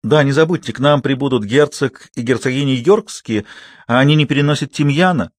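A man's voice: mid-range voice, brisk, no echo, clean studio sound, pitched above the performer's own voice, lightly acted. Man doing a swooning theatrical young woman. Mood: grandiose.

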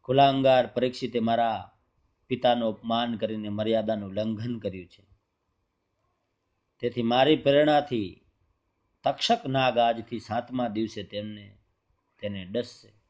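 An angry, proud young hermit boy, as a man reads him aloud, his scolding words landing hard. The voice stays mellow and dark, and the recording sounds dull and lo-fi. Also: mid-range voice, measured pace, long pauses, lightly acted. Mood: cursing.

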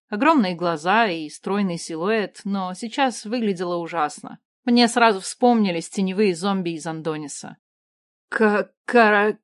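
A woman's voice: medium pitch, dry recording. Woman narrating a fantasy audiobook, dry close sound. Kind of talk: first-person audiobook narration.

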